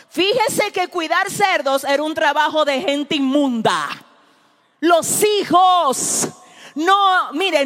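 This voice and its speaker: A woman preacher delivers a fervent sermon. Her voice sits high, and she swings from loud, exclaiming bursts to quiet, hushed asides. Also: in a large hall.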